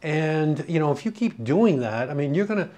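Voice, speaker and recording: Fairly high-pitched, mellow, and animated, the voice moves at a normal pace. It's a middle-aged or older radio programming coach rambling through an informal lesson, conversational, anecdotal, and leaning on "you know".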